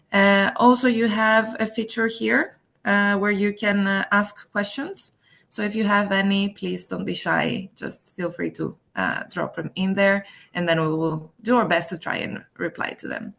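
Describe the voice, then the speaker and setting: A woman's voice: medium pitch, creaky, a bit bright. A woman opening a webinar on a video call and giving housekeeping reminders, with frequent fillers. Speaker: webinar organizer.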